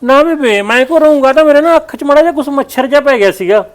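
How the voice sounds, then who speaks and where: A man's voice: extremely high pitch, fast talker. A man playing a sad grown son who evasively denies crying to his mother in a family short drama. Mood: defensive. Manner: evasive and defensive. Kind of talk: family short-video acting.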